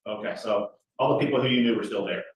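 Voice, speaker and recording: Speaking fast in a lowish voice, a defense attorney cross-examines a witness in a chatty, folksy style. He's recorded from a distance in a big, echoey indoor courtroom.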